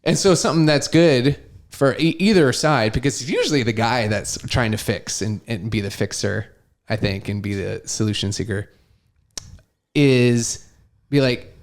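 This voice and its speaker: A man's voice: mid-range voice, moderate pace. Young man telling a story, stumbling. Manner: storytelling, animated, stumbling restarts. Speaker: podcast co-host. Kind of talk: casual chat.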